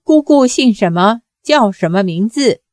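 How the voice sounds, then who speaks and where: A woman's voice: medium pitch, animated, unhurried, a little mellow, no echo, close to an everyday voice. A fierce young swordsman barks out harsh demands, as a woman narrator puts him on. He sounds desperate and enraged. The dry, close sound gives it no room around it. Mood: furious.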